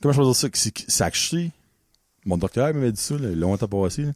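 A man's voice: mid-range voice, lively intonation, fast, a little mellow, dry recording, studio quality. A man with a Quebec French accent co-hosting a podcast in a loose, joking, slangy chat. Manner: loose, joking, slangy, with English words mixed in. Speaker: podcast co-host.

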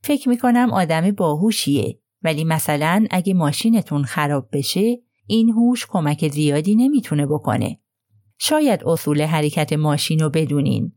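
Halting, apologetic young working man read by a woman, low and warm, dry close sound. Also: dry recording. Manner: halting, apologetic, groping for words. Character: young male country mechanic, plain and earnest.

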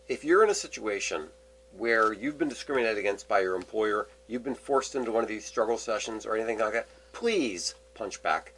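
A man's voice: lowish voice, animated, a little fast, a bit bright, a little hiss or hum. A man co-hosting a casual political podcast chat, emphatic and sarcastic. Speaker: podcast co-host.

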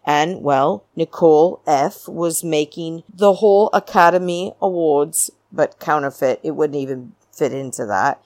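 A woman with a low voice hosts a podcast in a close, dry recording. She talks slowly and theatrically, stretching key words for emphasis. Her chatty recap is blunt and full of opinion. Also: a little mellow, no room sound. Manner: theatrical, drawn-out emphasis, addressing listeners as darlings. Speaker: podcast host. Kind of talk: chatty reality-show recap monologue.

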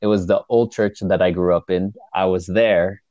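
A man casually recounting a story as a guest, with halting restarts and frequent chuckles. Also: low voice, fairly even intonation, darkish tone, no room sound. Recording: dull lo-fi dry recording.

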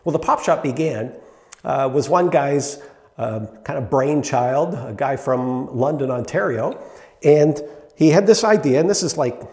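A middle-aged man preaching a sermon in a relaxed, conversational way, with fillers and rhetorical questions to the congregation. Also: medium pitch, measured pace. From Canada. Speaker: pastor. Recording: echoey hall with long reverb.

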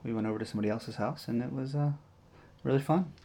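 A man's voice: mid-range voice, fast talker, creaky, warm tone. A man hosting a podcast in casual conversational chat. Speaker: podcast host.

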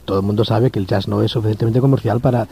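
A man's voice: lowish voice, fairly even intonation, very fast, vocal fry, dark tone, slightly rough, rough recording. A man from Barcelona with a Spanish accent, a singer guesting on a radio show, talking modestly and rambling with fillers. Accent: Spanish from Spain. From Barcelona, Spain. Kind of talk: radio interview. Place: radio studio in New York.

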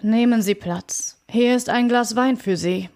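A woman reading the lines of a calm male lawyer in an audiobook, measured and formal. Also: fairly high pitch. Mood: composed.

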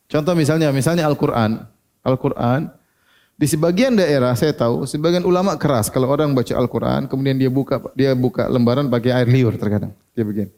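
Mellow-voiced preacher posing questions. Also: male voice, medium pitch, brisk. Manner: asks the audience questions and answers them himself. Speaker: Islamic preacher. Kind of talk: religious lecture.

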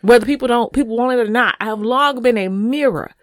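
A woman's voice: fairly high pitch, fast, no echo, clean studio sound. A woman in her thirties chatting casually as a podcast co-host, speaking frankly and with emphasis, often checking in with "right?". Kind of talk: casual chat.

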